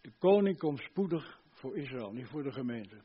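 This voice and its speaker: Older man preaching fervently, husky. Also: medium pitch, big pitch swings, normal speed, dull audio. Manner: fervent, swinging from loud emphasis to hushed earnestness. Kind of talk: sermon.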